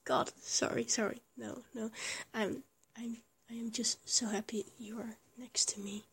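This whispered intimate roleplay features a woman's fairly high, slightly bright voice, delivered flatly and a little slowly over slight background noise. In a tender, breathy whisper, she voices a small, affectionate young lover who stammers, rambles and giggles.

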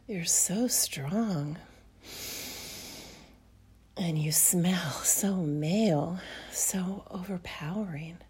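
A woman's voice: medium pitch, a little mellow, slightly rough. A young woman acting a proper, easily flustered young time traveler in an audio roleplay, speaking breathily and often dropping to a whisper. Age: young adult.

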